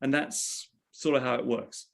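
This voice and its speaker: An English journalist and author, interviewed as a guest, tells a personal story in a reflective, conversational way and often restarts his phrases. His mid-range voice is creaky and steady in tone, and he doesn't hurry.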